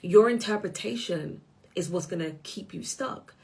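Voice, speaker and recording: A woman's voice: fairly low pitch, normal speed, creaky, darkish tone. A woman, a life coach teaching a live online masterclass in an emphatic way, often checking in with listeners. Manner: emphatic, keeps checking in with "okay?".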